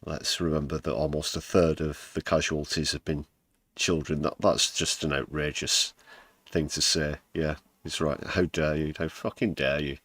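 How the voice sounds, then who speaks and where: Man, from the UK, deep low voice, slow measured pace, dry close sound, wry sarcastic commentary. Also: level tone, fairly bright tone, no room sound. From United Kingdom. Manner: wry, sarcastic asides with profanity. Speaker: livestream host. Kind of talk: casual commentary on news clips.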